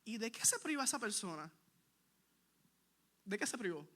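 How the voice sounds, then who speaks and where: A man with a high, bright, forceful voice preaches a sermon. He is earnest and emphatic, driving his points home by repeating them, and he turns to the listeners with direct questions. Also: sing-song, normal speed.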